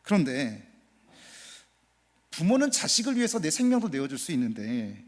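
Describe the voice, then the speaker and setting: Male pastor, emphatic sermon, somewhat high voice, long church reverb. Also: wildly swooping pitch, moderate pace. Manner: emphatic preaching that swells loud then drops to soft, near-whispered asides; repeats phrases for emphasis and questions the congregation. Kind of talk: Sunday sermon. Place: church sanctuary.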